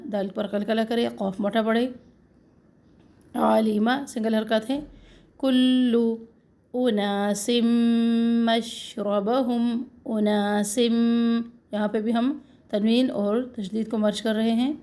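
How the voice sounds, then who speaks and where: A woman with a Pakistani Urdu accent teaching Quran recitation, who patiently demonstrates words slowly and then corrects and explains them. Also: a little high, flat delivery, dark tone. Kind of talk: Quran recitation lesson, slow drawn-out recitation with quick explanations.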